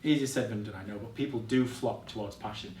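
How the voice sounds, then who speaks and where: A man's voice: on the low side, fast, a little mellow, distant mic, slight background noise. Encouraging man speaking in an echoey room. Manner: encouraging, direct, addresses audience as guys. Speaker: speaker giving a workshop talk. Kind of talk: motivational presentation to students. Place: college classroom or hall.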